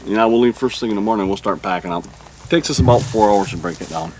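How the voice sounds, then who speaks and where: A man's voice: fairly low pitch, quick pace, background noise. A man with a Yooper accent from Michigan's Upper Peninsula, chatting casually in a folksy way as he shows someone around a camp. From Midland, Michigan. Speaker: deer camp member being interviewed.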